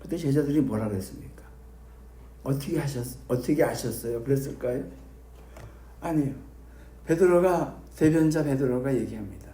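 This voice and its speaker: A man's voice: medium pitch, normal speed, long pauses, warm tone, reverberant. A male pastor preaching a sermon, questioning the congregation and repeating key phrases for emphasis. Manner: emphatic repetition.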